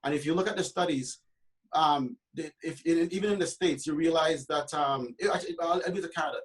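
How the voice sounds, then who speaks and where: A man's voice: a little high, fairly quick, low-quality recording. A man from Trinidad and Tobago who works as a realtor, speaking passionately on a panel discussion with many fillers and restarts.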